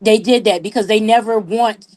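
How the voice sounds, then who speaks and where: A woman's voice: medium pitch, steady tone, moderate pace, darkish tone. A woman talking on a live group chat, blunt and profane, repeating herself for emphasis. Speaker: panelist.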